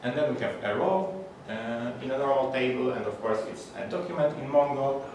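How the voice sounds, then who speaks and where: A man's voice: mid-range voice, lively intonation, a little fast. Polish-accented man giving a talk in an echoey hall. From Poland. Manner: plain, hesitant delivery with frequent fillers and restarts. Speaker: conference speaker. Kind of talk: technical conference talk. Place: large echoey conference room. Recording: echoey hall, distant, audible background noise.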